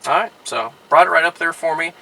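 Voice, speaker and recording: A man, a car dealership product specialist, giving a relaxed how-to demonstration inside a car, with many "all right" and "uh" fillers. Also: fairly high pitch, fairly quick, creaky, rough recording.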